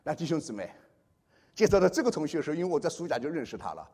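A man preaching a testimony sermon, telling a story and acting out the dialogue with big swings in pitch and loudness. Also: very animated, very fast, slightly rough.

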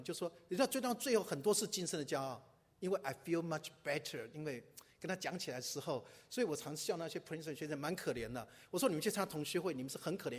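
Brief: male pastor, quick conversational sermon, husky voice, long hall reverb. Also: a little high. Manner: conversational preaching with rhetorical questions and English asides.

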